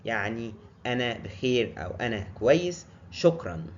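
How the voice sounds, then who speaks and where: An Egyptian man who speaks Arabic natively, teaching English words by repeating each one slowly and clearly before explaining it. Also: mid-range voice, big pitch swings, muffled recording, slight background noise. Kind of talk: vocabulary lesson.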